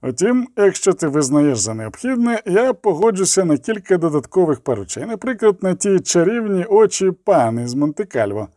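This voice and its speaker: A man reading an audiobook voices a calm, wry male spymaster, close to his own voice. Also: high voice, normal speed, few pauses, no echo, voice pushed up. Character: sly male spymaster, cool and ironic.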